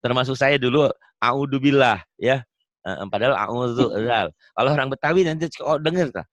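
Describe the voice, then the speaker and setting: A man's voice: medium pitch, normal speed, dry recording. Patient joking Quran teacher, man. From Indonesia. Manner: patient, joking, tells anecdotes. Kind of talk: one-on-one online lesson.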